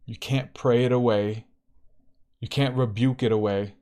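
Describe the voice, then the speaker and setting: A man's voice: medium pitch, fairly even intonation, unhurried, warm tone. Man giving a preacherly spiritual talk. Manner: preacherly, repetitive, laughs often. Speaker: podcast host.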